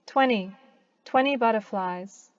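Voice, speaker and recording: A woman with an Australian accent, teaching pronunciation by slowly saying each number and a short phrase. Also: on the high side. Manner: slow deliberate word-by-word pronunciation with long pauses. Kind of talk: slow demonstration of counting aloud. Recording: dull lo-fi recording.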